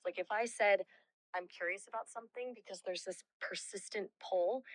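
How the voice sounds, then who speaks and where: A woman's voice: on the low side, dry recording, rough recording. A woman's synthetic voice as an AI assistant, answering interview questions in a reflective, candid way. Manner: reflective, candid, soft-spoken. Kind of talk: conversational answers.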